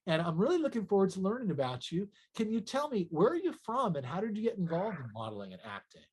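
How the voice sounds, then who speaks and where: A man's voice: high voice, huge pitch swings, fast, breathy edge. Effusive, upbeat male interview host. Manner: effusive, upbeat, long rambling compliments. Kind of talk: promotional interview hosting.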